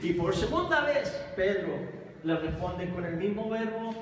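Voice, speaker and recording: A man's voice: high voice, lively intonation, measured pace. A man preaching a sermon, emphatic and speaking straight to the congregation. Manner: emphatic, addresses listeners directly. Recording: echoey hall, distant mic, faint noise.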